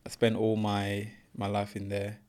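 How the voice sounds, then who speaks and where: Interview guest: young man from Congo, English not his first language, lowish voice, earnest storyteller. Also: completely flat delivery, unhurried, darkish tone. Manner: earnest, plain storytelling, says "bro" often. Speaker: guest, professional boxer. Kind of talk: casual interview.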